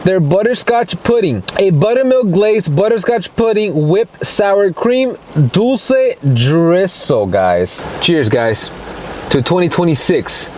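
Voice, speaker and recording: A food review vlogger does a casual mukbang to camera, addressing viewers as guys between bites and humming as he savors the food. His high voice has a darkish tone, lively intonation, and a slow pace, with clear ambient background noise in the recording.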